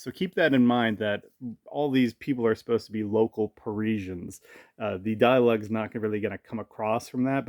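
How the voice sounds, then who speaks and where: A man's voice: fairly low pitch, creaky, no echo. Chatty man with a dry close sound. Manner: chatty, thinking aloud with fillers. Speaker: comic reviewer. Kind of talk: casual spoken review. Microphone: camera mic.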